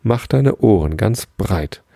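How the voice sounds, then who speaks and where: A man voicing a friendly, helpful little male crab in a bedtime story, speaking slowly and coaxingly. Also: lowish voice, lively intonation, creaky, dark tone, breathy edge, no echo, studio quality, heavily acted. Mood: kindly.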